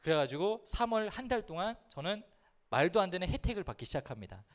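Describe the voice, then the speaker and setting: A youth pastor with a high voice that swings widely up and down as he tells a funny story from his school days. He talks straight to the young people in front of him, keeping the sermon light and playful. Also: fast talker. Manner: lively, humorous, addresses listeners directly.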